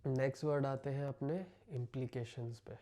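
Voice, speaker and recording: A man with an Indian accent teaching English vocabulary, explaining each word slowly and repeating it in Hindi. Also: medium pitch, fairly even intonation, dark tone. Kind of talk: vocabulary lesson.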